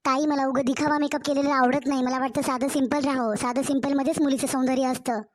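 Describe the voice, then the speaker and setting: Meek young cartoon bride with a Marathwada Marathi accent, high and mild, a woman doing the voice. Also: little pitch movement, quick pace, lightly acted. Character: meek young newly married daughter-in-law.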